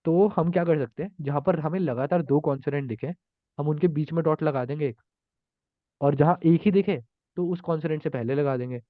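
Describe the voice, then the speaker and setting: A man's voice: a little high, fairly quick, no room sound. Guy explaining contest code, lots of um and restarts, sounds phone-like, dead dry. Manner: thinks aloud with frequent fillers and restarts. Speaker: programming tutor. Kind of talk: explaining contest solutions live.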